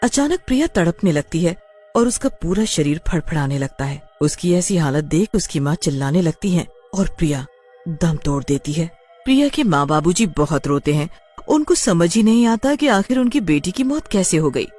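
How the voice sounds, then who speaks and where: A woman narrating a scripted cartoon story in an expressive, dramatic way. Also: fairly low pitch, normal speed, faint music behind.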